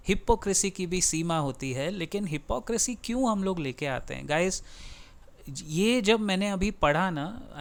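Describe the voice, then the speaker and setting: Impassioned Indian man ranting. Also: on the high side. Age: middle-aged. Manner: passionate, sarcastic ranting with sudden emphatic bursts. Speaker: finance video host. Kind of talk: opinionated commentary to camera.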